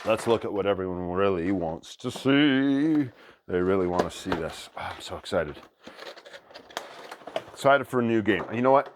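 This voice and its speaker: A man hosting a board game channel, chatting excitedly as he unboxes a new game and thinks aloud. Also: low voice, slight background noise. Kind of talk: casual unboxing commentary.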